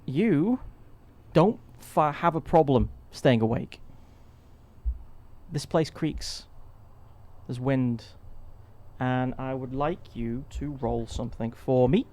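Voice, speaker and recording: A man's voice: mid-range voice, a little mellow. A man narrating and joking as game master of a tabletop role-playing game. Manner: playful, jokey, quick asides.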